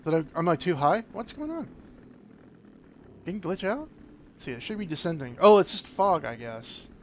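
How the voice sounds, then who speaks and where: Excitable high-voiced man narrating gameplay. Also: normal speed, slight background noise. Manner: chatty, excitable, breaks into panicked yelps. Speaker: gaming streamer. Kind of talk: casual gameplay commentary.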